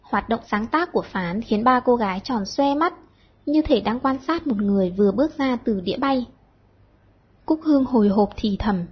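A woman reading a storybook aloud, with lively, expressive narration and a husky tone. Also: on the high side, moderate pace, dull audio. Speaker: audiobook reader.

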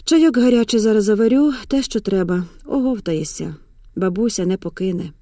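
A woman voicing a shrewd, calm old grandmother in an audiobook, speaking low and soothing. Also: fairly quick, no echo, studio quality, close to an everyday voice.

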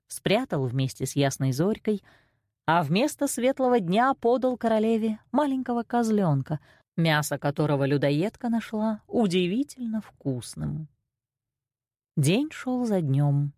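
A woman narrating a fairy tale in an expressive storytelling voice. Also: no room sound, studio quality. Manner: expressive, with wide swings in pitch.

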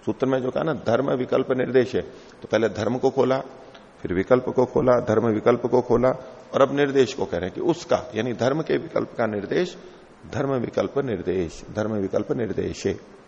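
A man's voice: mid-range voice, a little fast, creaky, a little mellow. Man lecturing in a reverberant hall. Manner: patient, repeats and unpacks each term. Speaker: teacher of philosophy. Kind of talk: explanatory lecture on a classical text. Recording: lo-fi hall recording with long reverb.

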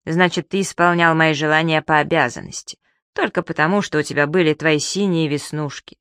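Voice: mid-range voice, steady tone, fairly quick, a bit bright, smooth, no echo, clean studio sound, natural voice. A reader playing a fussy, exasperated grown man who talks in a stern, grumbling way.

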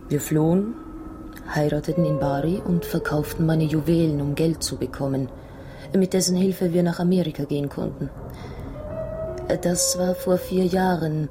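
In a radio drama, an actress with a low voice plays a young Italian wife recounting her past in a halting, dramatic, emotional way.

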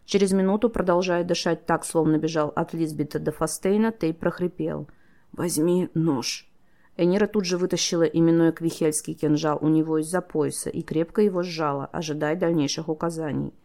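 A woman narrates an audiobook in a steady storytelling manner. Her voice is low with a gravelly fry, and she reads the characters' lines herself. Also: fairly quick, hardly any pauses. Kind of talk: scripted narration.

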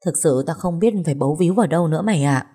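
A woman reading the lines of a despairing young man who calls his friend, in a low, mellow voice. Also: rapid-fire, slightly rough. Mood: gloomy.

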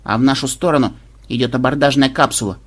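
A man voicing the captain's calm, wry young granddaughter. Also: mid-range voice, fast talker, lightly acted. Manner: dry and gloomy.

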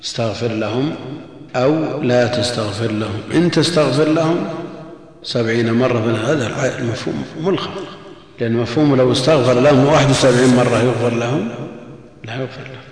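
A religious lecturer, a man with a mid-range voice, gives a measured commentary lesson on a classical text. He repeats key phrases and poses rhetorical questions. The recording has the very echoey reverb of a long hall.

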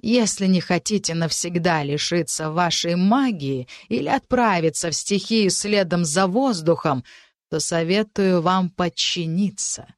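A woman's voice: on the low side, unhurried, no room sound, clean studio sound, close to an everyday voice. A woman reading an audiobook, voicing a domineering male marquis who gives orders and hisses his contempt. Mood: imperious. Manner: hissing, commanding.

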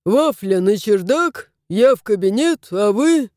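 A bossy little house spirit from a storybook, as a woman acts him out, barking brisk orders and short commands. The voice is raised and lively and the tone is mellow. The read is dry and close. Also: mid-range voice, no room sound, close to an everyday voice. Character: gruff bossy house spirit, small male.

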